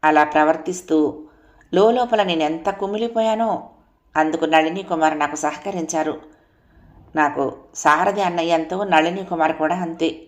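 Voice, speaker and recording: A woman's voice: low voice, normal speed, pauses often, natural voice. A woman voicing a dignified young wife who speaks in an earnest, tearful way.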